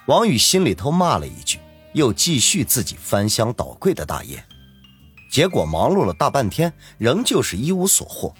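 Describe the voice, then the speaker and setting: A man narrating a serialized web novel in a dramatic storytelling manner. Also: medium pitch. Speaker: audiobook narrator.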